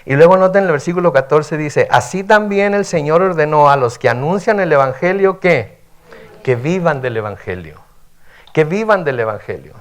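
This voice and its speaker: Pastor preaching conversationally. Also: male voice, on the high side, animated, normal speed. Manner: conversational, frequent "¿verdad?" tags, reads scripture aloud and explains. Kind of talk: midweek sermon, Bible teaching.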